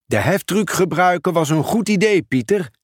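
A man's voice: high voice, expressive, moderate pace, dry recording, clean studio sound, voice pushed up. A man voicing a cheery, practical post office worker in a storybook reading. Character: practical adult male sorting-office worker.

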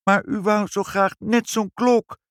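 A man's voice: high-pitched, level tone, measured pace, clear, resonant tone, no echo, clean studio sound, pitched above the performer's own voice. A man voicing a curious, eager young girl in a children's story. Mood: pleading.

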